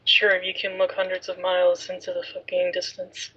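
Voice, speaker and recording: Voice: medium pitch, completely flat delivery, a little fast, bright, forceful tone, breathy edge. A game master running a tabletop role-playing game, giving dry, sardonic rulings in casual chat. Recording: dull, lo-fi home recording.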